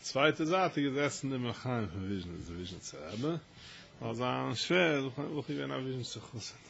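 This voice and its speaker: A man giving a Torah lesson as a rabbi, telling stories with halting restarts and rising to loud, emphatic stretches. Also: mid-range voice, expressive, creaky. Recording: dull lo-fi recording with faint noise.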